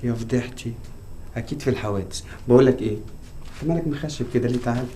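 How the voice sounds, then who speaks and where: A man's voice: mid-range voice, rapid-fire, background noise, lightly acted. An actor playing a haughty, sarcastic woman who is flirty yet prickly, with an Egyptian accent. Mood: snippy. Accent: Egyptian Arabic. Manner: snippy, sarcastic.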